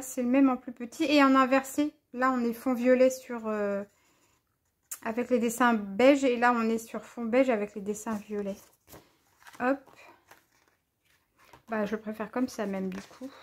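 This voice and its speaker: Bubbly high-voiced French woman crafter. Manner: chatty, enthusiastic, gushes over each item. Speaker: crafting vlogger. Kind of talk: casual show-and-tell haul video.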